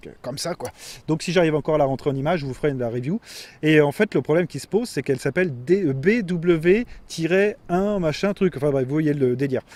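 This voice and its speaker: A man's voice: fairly high pitch, darkish tone. Chatty man reviewing a gadget. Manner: chatty, rambling, frequent fillers and self-corrections. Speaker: tech reviewer. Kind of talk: casual product review.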